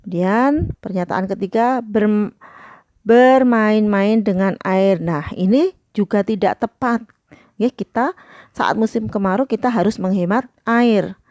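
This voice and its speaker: A woman teacher works through a textbook lesson for young pupils, talking each answer through with plenty of "nah" and "eh". Her voice sits at an ordinary middle pitch. The recording is dry and close, with no room echo. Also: unhurried, darkish tone. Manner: explains each answer, many "nah" and "eh" fillers. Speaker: primary school teacher. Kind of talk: reading a textbook lesson aloud.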